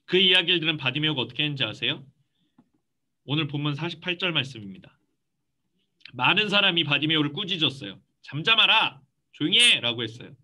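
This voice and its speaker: A man preaching a youth sermon in a church, lively and acting out quoted voices. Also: on the high side, fast, long pauses. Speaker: youth pastor.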